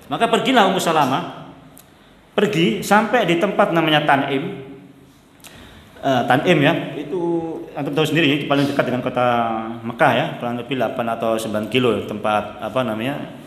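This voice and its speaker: A man's voice: medium pitch, normal speed, a bit bright. A man giving a religious study lecture as a preacher, chatty, often checking that listeners follow, laughing, and chanting Arabic text. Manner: mixes in Javanese phrases and chants Arabic text. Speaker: Islamic preacher. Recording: echoey hall, long reverb.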